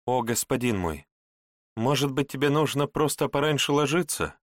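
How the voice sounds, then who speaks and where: A man's voice: medium pitch, expressive, moderate pace, no echo, studio quality, voice pushed up, close to an everyday voice. A man voicing a shy, deferential young maidservant in an audiobook. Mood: bashful. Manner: bashful, deferential.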